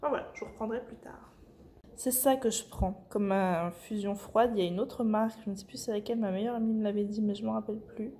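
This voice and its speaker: A woman book vlogger, talking casually at home with many filler pauses. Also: mid-range voice, steady tone, warm tone. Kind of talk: casual vlog chat. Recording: echoey room.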